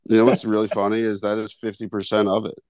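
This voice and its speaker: Low-voiced laid-back podcast dude. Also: male voice, monotone, fast, darkish tone, no echo. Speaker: podcast co-host. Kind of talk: casual chat.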